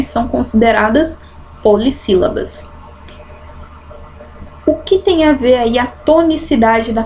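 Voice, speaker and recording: Woman, patient teacher, highish voice, faint hiss behind. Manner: explains patiently, stretches out example words slowly. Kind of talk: recorded online grammar lesson.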